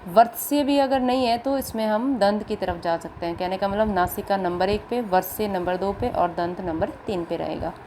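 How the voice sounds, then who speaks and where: A woman's voice: mid-range voice, moderate pace, few pauses, warm tone, slight background noise, rough recording. A woman teacher giving a grammar lesson to children, patiently asking questions and answering them herself. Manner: patient, asks and answers her own questions.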